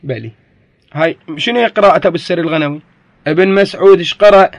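A man's voice: high voice, rapid-fire, no room sound. A man with an Iraqi Arabic accent teaching a grammar lesson, explaining step by step and often asking whether his students follow.

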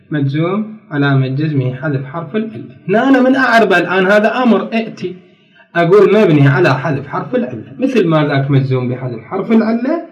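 A man with an Iraqi Arabic accent teaching a grammar lesson, going step by step and often checking whether his students follow. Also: high-pitched. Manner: reads rules from a book slowly, then explains. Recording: roomy, distant and dull.

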